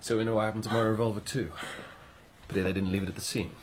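An actor plays a sardonic, cool-headed man in a mystery drama. His voice sits fairly low as he takes charge. Faint noise lies behind him. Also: fairly even intonation, fast talker, natural voice.

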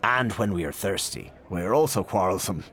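A man voicing a jovial, showman-like middle-aged gentleman with a hearty manner. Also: sits low, expressive, a little fast.

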